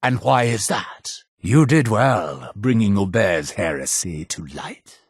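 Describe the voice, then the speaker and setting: An actor playing a solemn, fanatical cult high priest in a video game, speaking in a deliberate, grandiose, preacherly manner. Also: male voice, very animated, slightly rough, no room sound, clean studio sound, full character voice. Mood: solemn, measured. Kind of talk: theatrical video game dialogue.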